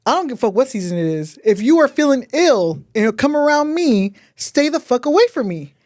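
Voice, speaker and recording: A woman's voice: sits high, very animated, brisk, darkish tone. A woman from the US West Coast co-hosting a podcast, talking bluntly and profanely while chewing gum. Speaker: podcast co-host. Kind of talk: casual podcast chat.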